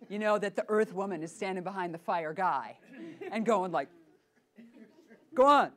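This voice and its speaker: Middle-aged lady teaching a voice class, playful, keeps asking the group stuff, mid pitch. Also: fairly quick, a crowd in the background. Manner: lively, playful, demonstrates voices, asks the group questions. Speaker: voice workshop teacher. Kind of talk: workshop teaching.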